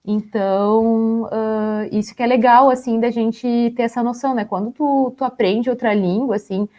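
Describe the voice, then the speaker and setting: A young woman with a slightly high voice chats through photos on a live stream. She fills her talk with little laughs and loose, friendly fillers. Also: steady tone, normal speed, a little mellow. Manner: chatty, with many fillers and small laughs. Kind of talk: casual chat showing photos.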